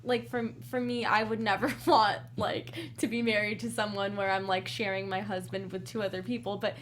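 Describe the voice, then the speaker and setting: A woman's voice: medium pitch, little pitch movement, normal speed. A woman on a review panel who talks candidly and hedges with lots of "like.". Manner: candid, hedging with "like", laughs lightly. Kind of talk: casual panel discussion.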